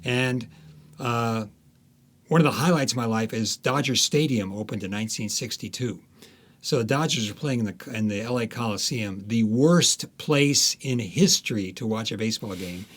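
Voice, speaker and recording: Being interviewed, a seventy-something American author shares reminiscences and anecdotes with emphasis and enthusiasm. He speaks at medium pitch and normal speed.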